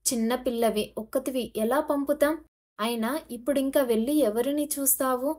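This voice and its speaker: A woman voicing a worried middle-aged mother who coaxes and gently scolds her daughter. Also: high-pitched, normal speed, lightly acted. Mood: firm.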